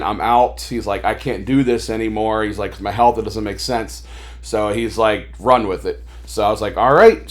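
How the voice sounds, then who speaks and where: Male podcast guest, mid-pitched, loose chatty storyteller, fillers, acts out quoted lines. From Maryland, USA. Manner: rambling, animated retelling with filler words. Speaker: podcast guest, toy store owner. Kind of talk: casual storytelling interview.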